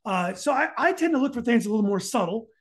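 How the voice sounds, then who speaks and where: A man's voice: extremely high pitch, lively intonation, fast. A man hosting a casual podcast interview, hesitant and often searching for his words.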